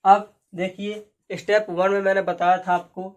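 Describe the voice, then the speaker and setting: A man teaching a lesson, patiently repeating words and spelling out letters slowly. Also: high voice, flat delivery. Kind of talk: explaining a lesson.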